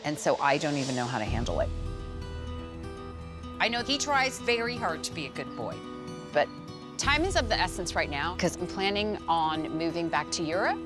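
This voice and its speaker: A middle-aged Swedish woman with a lowish, very animated voice talks at normal speed about her dogs in a casual interview, with music playing underneath. She is chatty and playful and laughs at herself.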